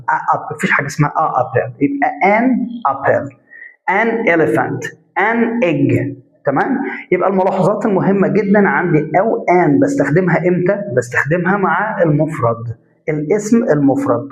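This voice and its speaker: A man with an Egyptian Arabic accent teaching a grammar lesson step by step, putting questions to the class and answering them himself, and stretching out example sounds. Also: on the high side. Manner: drawn-out spoken examples. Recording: echoey room, dull lo-fi sound.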